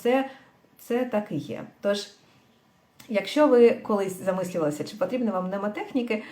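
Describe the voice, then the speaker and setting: A woman teaching a language lesson on a livestream, speaking thoughtfully with frequent pauses and fillers, and mixing in English words. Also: medium pitch, darkish tone, echoey room.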